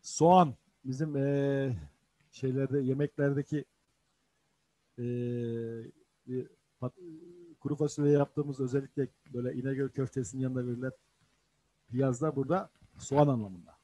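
A man with a Turkish accent teaching vocabulary in an online lesson, slowly repeating each word several times for learners. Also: mid-range voice, steady tone, mellow, dry recording. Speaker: language teacher.

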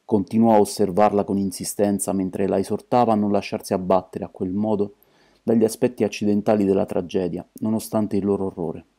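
A man narrating an amateur audiobook in a steady, measured reading. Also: on the low side.

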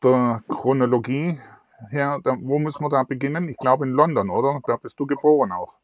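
A middle-aged man hosts an online interview in a chatty, filler-heavy way. His voice sits at a middling pitch and is recorded close and dry on a lapel mic. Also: a little fast, no room sound. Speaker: host. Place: indoors in front of a virtual backdrop.

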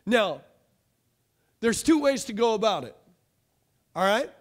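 High-voiced, animated pastor. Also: male voice, slow. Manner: animated, call-and-response preaching, pacing the stage. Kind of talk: sermon. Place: church stage, large room.

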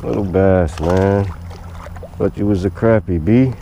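A man filming himself fishing from a lakeshore with a head-mounted camera, talking excitedly to the fish as he reels them in. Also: sits low, measured pace, slight background noise. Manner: talks to the fish while reeling. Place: outdoors on a lakeshore. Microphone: head-mounted action camera.

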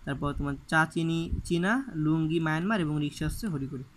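A man's voice: a little high, fairly quick, slight background noise, poor audio. A man with a Bangladeshi Bengali accent teaching an exam-prep lecture, reading word lists off the page and stressing which items matter. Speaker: admission coaching teacher.

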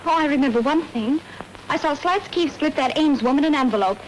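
A frightened young witness with a Southern drawl, played by a woman, pleading and timid. Her voice is high and thin, carried on a faintly hissing old soundtrack. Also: fairly quick, natural voice, low-quality recording. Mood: scared. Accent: Southern American. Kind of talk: 1930s film acting.

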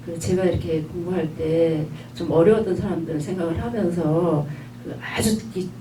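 A woman's voice: fairly low pitch, steady tone, mellow, distant mic. Woman, lecturer, patient and repetitive, echoey room, faint hum. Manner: patient, repeats instructions, models drawn-out sounds. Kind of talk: online lifelong-learning lecture.

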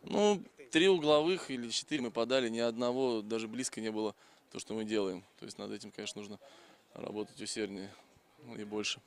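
A man's voice: fairly low pitch, fairly quick. A man in his thirties, a football coach, giving casual post-match answers outdoors into a held-out microphone. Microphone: interviewer's handheld microphone.

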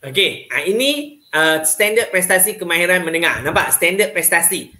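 Chatty Malaysian man with a bright voice. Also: high-pitched, animated, normal speed, reverberant. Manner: chatty, keeps checking in with listeners. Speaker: teacher trainer. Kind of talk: casual training talk to teachers.

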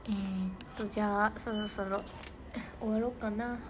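A teenage idol from Niigata, Japan, hosts a casual livestream, chatting and thanking viewers for their comments. Her mid-range voice keeps a level tone at a moderate pace, and the livestream audio is noisy.

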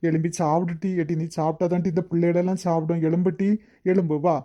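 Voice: mid-range voice, level tone, mellow, dull audio, natural voice. A voice actor voicing a guilty village father in a cartoon, begging his wife's forgiveness. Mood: pleading, coaxing. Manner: quick, guilty, pleading. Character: remorseful village father, rough but sorry. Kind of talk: cartoon voice acting.

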